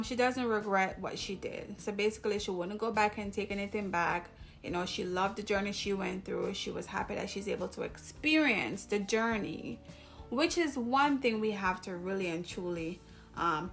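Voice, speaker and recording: This is a casual talk to camera from a Jamaican woman with a Jamaican accent who hosts on YouTube. Her voice is medium-pitched and a bit bright, and she rambles chattily, interrupting herself as she goes.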